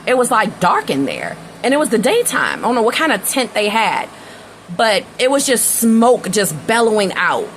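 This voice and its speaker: A woman's voice: a little high, big pitch swings, normal speed, a little hiss or hum, low-quality recording. A woman doing a casual tarot reading, talking straight to the viewer in a slangy, conversational way and drifting into personal stories. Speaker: tarot reader.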